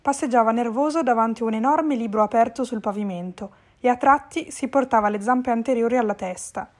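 Storybook narrator, woman, slightly high voice, even delivery. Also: brisk. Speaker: audiobook reader.

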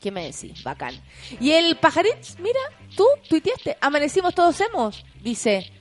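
Chatty high-voiced Chilean woman host. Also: sing-song, normal speed. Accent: Chilean Spanish. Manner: chatty, giggly, theatrical. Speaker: morning radio host. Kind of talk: casual chat and news reading.

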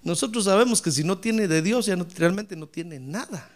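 A man preaching a lively sermon as a pastor, acting out church members in comic voices. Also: high-pitched, moderate pace.

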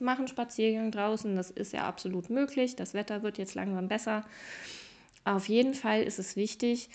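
Woman doing a motivational podcast, casual and chatty, talks right at you with big emphasis, medium pitch. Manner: lively, emphatic, talks straight to the listener. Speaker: podcast host.

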